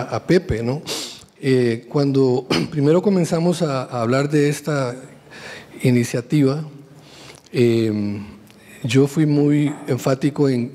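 A man, giving a public lecture on a handheld mic in an earnest, halting way, often repeating words. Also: mid-range voice, mellow, long reverb tail. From Honduras. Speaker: lecturer, historian. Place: small gallery room with audience.

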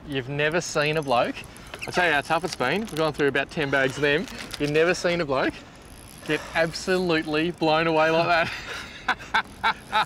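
A man with an Australian accent hosting a fishing show from a boat outdoors, excitable and chatty, laughing often. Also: on the high side, normal speed, slight background noise. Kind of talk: casual outdoor fishing commentary.

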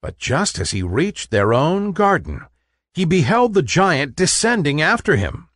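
A man reads a storybook tale at a slow, careful pace for learners. His pitch rises and falls widely as he tells it. The close mic sounds dry, with no room behind him. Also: big pitch swings, fairly bright tone, no echo.

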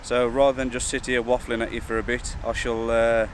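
A man chats to his camera in an informal, halting way. His voice sits at a medium pitch. He is outdoors on a breezy hillside beside rushing water, with faint wind and water noise around him. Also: level tone. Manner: informal, hesitant and chatty. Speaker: wildlife photography vlogger. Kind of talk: casual vlog to camera.

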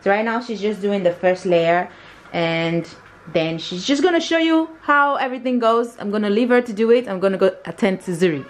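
A woman's voice: mid-range voice, moderate pace, a little hiss or hum. A young woman hosting a home cooking vlog, chattily explaining each step to viewers. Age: young adult. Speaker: vlogger and channel host. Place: home kitchen, indoors. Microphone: camera on the table. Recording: roomy kitchen, distant mic, clattering dishes.

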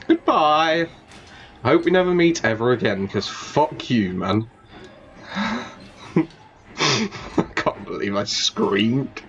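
A man's voice: medium pitch, sing-song, takes it slowly, long pauses, fairly bright tone, dull audio, slight background noise. A man giving profane commentary while playing a horror game, laughing often and talking back to the game. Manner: swears a lot, laughs often, talks to the game. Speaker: let's play gamer.

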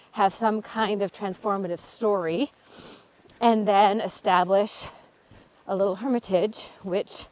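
This is a middle-aged woman's voice of medium pitch with a darkish tone. She's an author and channel host giving a relaxed history talk while walking a cold hillside, and she says um a lot.

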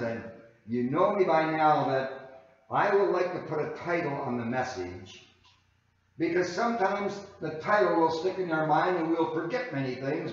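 Slow preacher in an echoey church. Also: male voice, a little high. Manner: slow, deliberate preaching with emphatic stressed phrases. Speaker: guest preacher. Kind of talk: sermon. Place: church sanctuary. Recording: very echoey hall, voice from far off, dull sound.

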